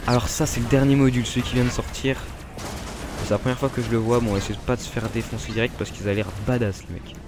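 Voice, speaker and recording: A gaming YouTuber with a French accent rambles through casual gameplay commentary, packing in fillers and asides aimed straight at his viewers. His medium-pitched voice is flat and fast, and the background is noisy.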